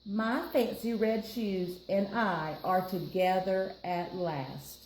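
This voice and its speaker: Reading a picture book to children at a library storytime, this American woman speaks slowly at a medium pitch, with fairly even intonation and a darkish tone. She tosses in chatty explanations for the listeners and her co-reader. The recording is echoey with faint background noise.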